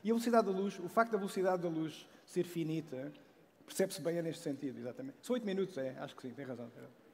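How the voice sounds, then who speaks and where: On a large stage with a headset mic, a forty-something man with a European Portuguese accent delivers a very fast, animated science talk in a voice on the high side. Restarts, jokes and "não é?" tags abound, while the hall's long reverb and a little background noise color the sound.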